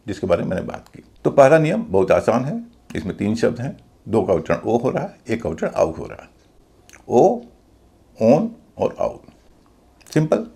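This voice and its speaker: A man with an Indian accent teaching English pronunciation in a video lesson, spelling out letters slowly before saying each word. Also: mid-range voice, gravelly, warm tone, slightly rough.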